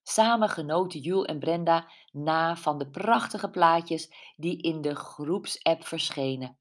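A woman narrating a mystery audiobook in a calm, measured way. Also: deep voice. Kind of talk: scripted narration.

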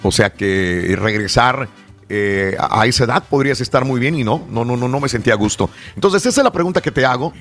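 A man's voice: medium pitch, fairly quick, faint music behind. A man in his forties, from the Mexico–Texas border region, hosting a radio show in casual chat, reading listener messages aloud. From northern Tamaulipas and South Texas. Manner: lively, chatty, reads listener messages aloud.

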